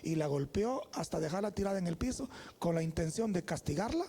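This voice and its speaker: A Salvadoran man in his forties preaching a sermon with a fairly high voice. His tone is mellow and a little husky. He tells personal stories in an emphatic, conversational way and keeps the congregation engaged. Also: lively intonation, fairly quick. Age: 40s. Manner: emphatic, conversational preaching with call-and-response "amén". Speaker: guest pastor. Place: church.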